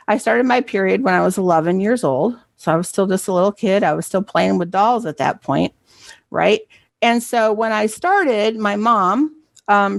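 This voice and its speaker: A woman's voice: medium pitch, vocal fry, no room sound. A middle-aged woman, a library program coordinator, giving a presentation in a conversational storytelling way and often checking in with "right?". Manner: conversational, asks "right?" for assent.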